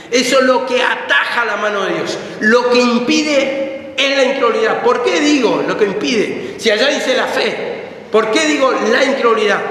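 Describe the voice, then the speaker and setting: A man's voice: high voice, fairly bright tone. A man with a Rioplatense Spanish accent preaching a sermon fervently, repeating phrases for emphasis, heard in an echoey church hall. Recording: echoey hall with faint ambient noise.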